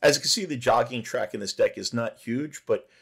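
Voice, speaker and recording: A middle-aged man giving a relaxed, conversational voice-over narration for a cruise ship tour vlog. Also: medium pitch, a little fast, creaky, husky. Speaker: travel vlogger.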